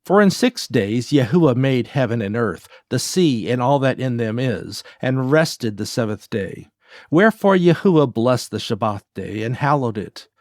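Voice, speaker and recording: A man giving a measured, solemn scripted reading of scripture. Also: mid-range voice, expressive, darkish tone, no room sound, clean studio sound. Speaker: scripture reader.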